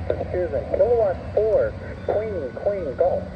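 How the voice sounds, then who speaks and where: A man's voice: sits high, lively intonation, a little slow. A man, an amateur radio operator, trading brief clipped call signs over a fading shortwave radio. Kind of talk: brief radio contact exchange. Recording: tinny, static-filled shortwave radio.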